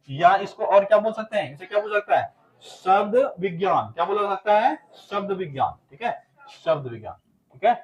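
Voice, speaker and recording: A man from Bihar with a high-pitched voice teaches an exam-prep class, captured in a muffled recording. He drills students with repeated questions and answers, chanting the answers in a loud, laughing sing-song.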